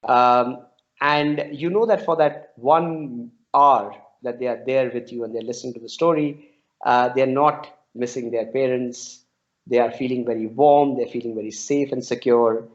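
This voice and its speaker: Here the same forties-aged Indian-accented founder of a storytelling non-profit talks a little slowly, in a mid-range voice with fairly even intonation. As an interviewee, he leans on anecdotes and tends to repeat words while explaining, captured on dull lo-fi audio.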